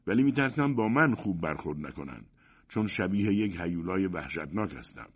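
A man's voice: deep voice, lively intonation, husky, exaggerated voice. A man reading a lonely, pleading monster. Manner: polite, pleading, anxious. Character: lonely, pleading male monster, humble and fearful. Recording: dull lo-fi audiobook recording.

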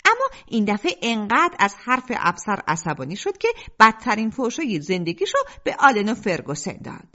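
A woman reading a novel aloud as an audiobook narrator, in lively storytelling fashion. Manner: lively storytelling with wide swings in pitch. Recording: dull lo-fi audio.

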